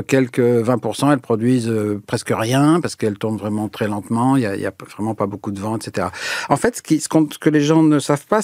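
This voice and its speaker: A man's voice: medium pitch, a little mellow, no room sound, studio quality. A man answering interview questions as an energy expert, explaining at length with frequent hesitations and fillers. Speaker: energy researcher, guest.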